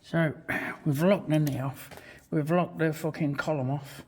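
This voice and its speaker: A man's voice: on the high side, steady tone, measured pace, breathy edge. A British man giving a casual hands-on workshop demonstration, swearing freely and talking matily through each step in short bursts. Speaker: vlog host, hobby machinist. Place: small home workshop beside a milling machine. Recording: loud machine and engine noise, clicking. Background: milling machine running, clicks.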